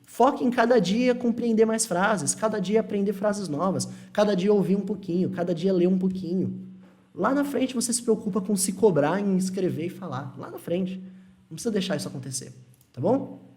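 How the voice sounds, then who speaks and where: A man's voice: high voice, normal speed. Brazilian man teaching live, reassuring. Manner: reassuring, repetitive, animated. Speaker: English teacher. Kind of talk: live-stream lesson reading chat questions.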